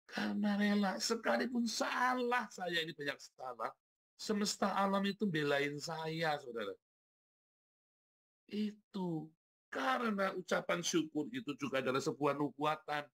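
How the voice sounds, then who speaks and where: A man preaching a sermon in a casual, slangy way, often addressing the congregation and swinging from low murmurs to loud emphatic bursts. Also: expressive, unhurried, pauses often. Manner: preaching with frequent address to the congregation as brothers and sisters. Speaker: pastor.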